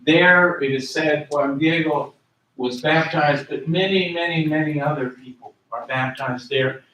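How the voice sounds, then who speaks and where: A man's voice: fairly high pitch, measured pace, sharp tone. Man lecturing a class, echoey and distant. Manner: conversational, asks the class questions, repeats key words. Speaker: teacher.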